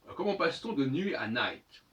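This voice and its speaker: Very animated and fairly quick, the man speaks in a mid-range, somewhat bright voice as he teaches a monologue lesson on language and astrology, sounding out words by repeating them over and over. The recording is dull, made with a far-away mic.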